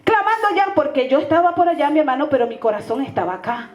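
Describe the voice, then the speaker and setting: A woman's voice: high-pitched, big pitch swings, fast talker. Fervent Venezuelan woman pastor preaching. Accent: Venezuelan Spanish. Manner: fervent storytelling, addresses listeners as brother. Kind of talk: sermon testimony. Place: church. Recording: roomy, dull lo-fi church recording.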